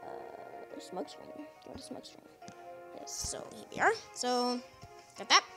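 A high-pitched woman with a bright, sharp tone narrates her gameplay in a loose, rambling way, stopping and restarting often. She hosts her own gaming channel and speaks into a phone set down nearby, with faint music playing behind her. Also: lively intonation, slow pace. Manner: rambling, full of fillers and restarts. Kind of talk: casual gameplay commentary.

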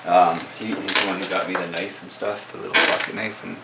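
A man's voice: sits low, level tone, a little fast, gravelly, very noisy. Laid-back chatty man vlogging at home. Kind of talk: casual home vlog. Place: home kitchen and living room. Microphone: camera mic.

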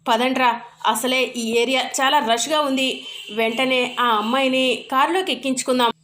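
A woman's voice: high-pitched, normal speed, a bit bright. A woman voicing menacing male hired thugs in a retold serial, reading their threats plainly. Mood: scheming. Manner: threatening lines, read plainly.

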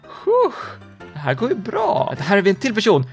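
Excitable man commentating gameplay. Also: high-pitched, creaky, breathy edge, faint music behind. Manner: excitable, quick reactions, gasps and laughs. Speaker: gaming YouTuber.

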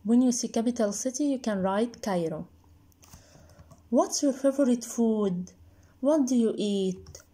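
Slow, patient woman teaching English. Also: on the high side, mellow. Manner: patient, has pupils repeat after her. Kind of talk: slow, repetitive drilling for young pupils. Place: indoors at a laptop desk, voice-over on screen recording.

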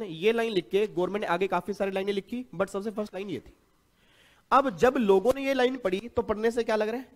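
A man giving a tax class, lively, asking his students questions and answering them himself. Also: high voice. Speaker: tax lecturer. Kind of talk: classroom lecture.

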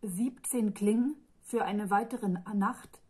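A woman voicing a moody, proud young girl who grumbles and talks down to others, in a slow, breathy reading. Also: medium pitch, mellow. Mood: flustered. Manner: grumbling, condescending.

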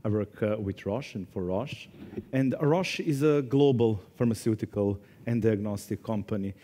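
A man in his forties from Serbia speaking as a conference panelist, earnest and deliberate, in a large hall. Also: lowish voice, dark tone. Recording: long hall reverb.

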